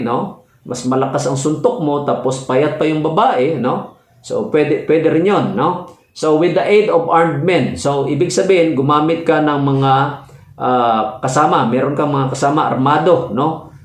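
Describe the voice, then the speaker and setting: A male teacher giving a slow, informal lecture, checking in often with his listeners and pausing with fillers as he explains. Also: fairly high pitch. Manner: explains slowly with frequent "no?" checks and hesitations. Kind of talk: classroom-style legal lecture. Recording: echoey room.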